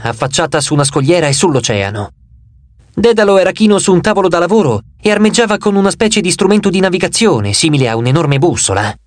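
A man reading an audiobook in expressive scripted narration into a close studio mic. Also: a little high, dry recording.

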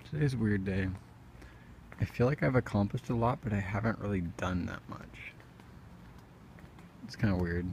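Male vlogger, low gravelly voice, low-key and musing, recorded on a handheld outdoors at night with faint ambient noise. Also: a little mellow. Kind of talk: casual reflective vlog, talking to self. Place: outdoors on a residential street at night. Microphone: handheld camera or phone mic while walking.

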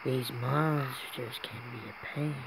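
A woman reading a shopkeeper character's lines in a slow, subdued voice. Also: extremely low pitch, creaky, background noise, heavily acted. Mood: calm. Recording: loud game music under voice.

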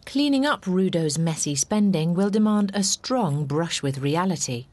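A woman with a low voice reads scripted documentary narration. She keeps it measured, with a wry edge. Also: lively intonation, noisy background.

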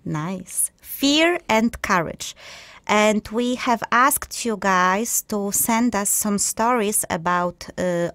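Through a studio mic with no echo, a young woman's fairly bright, mid-range voice carries casual live radio banter. As co-host she teases and chats, leaning on lots of fillers.

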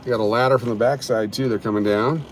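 A man's voice: medium pitch, steady tone, fast. Man, livestream host, casual running commentary, reads viewer comments, outdoors, phone mic, faint traffic noise. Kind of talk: live street commentary. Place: outdoors on a downtown street.

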